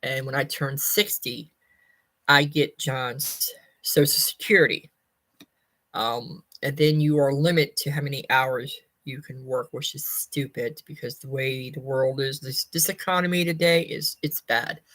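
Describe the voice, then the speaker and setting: In a very deep, fairly bright voice with fairly even intonation, this fifty-something vlogger takes her time giving viewers a life update. She chats casually and rambles in folksy terms, repeating and correcting herself a lot. The recording is dry.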